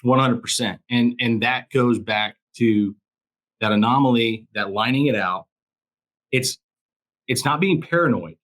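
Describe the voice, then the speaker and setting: A former police officer turned crisis coach appears as a guest in a casual interview, speaking emphatically and often repeating phrases to drive points home. His medium-pitched voice is a bit bright and moves at a measured pace.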